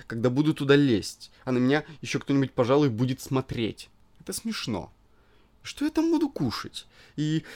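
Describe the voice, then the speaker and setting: A man's voice: a little mellow, lightly acted. A man voicing a capricious young wife in an audiobook reading, pouting and exclamatory in a raised voice. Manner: pouting, high-pitched and exclamatory.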